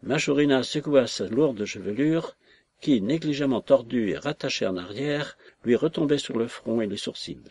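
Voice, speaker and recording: Husky man narrating a novel. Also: medium pitch, animated, moderate pace, a little mellow, no room sound. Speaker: audiobook narrator.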